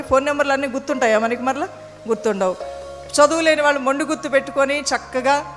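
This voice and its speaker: A woman's voice: high-pitched, a bit bright. A woman preacher giving a sermon, telling stories and asking rhetorical questions. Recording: long hall reverb, faint music.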